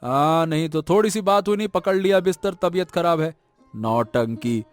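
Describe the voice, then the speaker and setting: A man voicing a greedy, stubborn elder son in an animated story, talking brusquely and waving others off. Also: a little high, normal speed, clear, resonant tone, dry recording, faint music behind, close to an everyday voice. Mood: scornful. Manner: brusque, dismissive, repeats "no, no".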